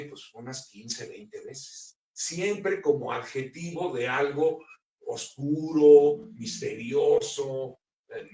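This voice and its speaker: Man presenting a book, musing and halting, heard from afar in an echoey room. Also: medium pitch, darkish tone. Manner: thoughtful, hesitant with many fillers and restarts. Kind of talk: literary talk at a book launch. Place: bookstore event room. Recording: roomy, picked up from a distance.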